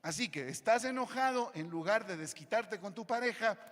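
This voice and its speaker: A male pastor preaching a sermon, switching between loud emphatic lines and quiet low asides. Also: lively intonation, moderate pace. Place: church hall. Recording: long church hall reverb.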